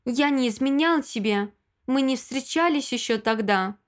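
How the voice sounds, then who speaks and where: A harsh, impatient young man in a storybook reading, snapping his words short, read by a woman. His voice sits rather high for a man. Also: a little slow. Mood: angry. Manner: curt, snapping.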